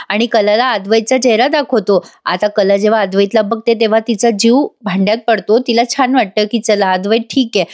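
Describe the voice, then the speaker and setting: A woman narrates a TV serial episode in a chatty voice-over and keeps talking straight to her viewers. Her voice sits moderately high, and the retelling flows easily. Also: a little mellow. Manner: chatty, addresses viewers directly. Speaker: TV serial reviewer.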